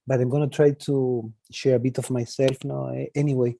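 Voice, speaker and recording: A man's voice: mid-range voice, little pitch movement, moderate pace, vocal fry, warm tone, slight background noise. A man in his forties from Chile with a Chilean accent, a native Spanish speaker, giving an informal talk and often tagging sentences with a questioning "no?". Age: 40s. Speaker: guest speaker.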